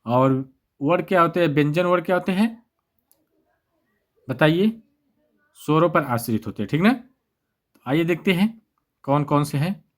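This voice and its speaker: Guy teaching exam grammar, voice a bit on the high side, keeps asking himself questions and answering. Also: animated, measured pace, pauses often. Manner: repetitive, asks and answers his own questions. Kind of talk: exam-prep grammar lesson.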